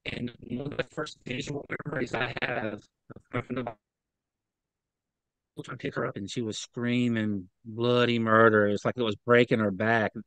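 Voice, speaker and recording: A man of medium pitch gives testimony as a guest on a video call. He is earnest but halting, tripping over repeated words when distressed, and the audio is dry and poor.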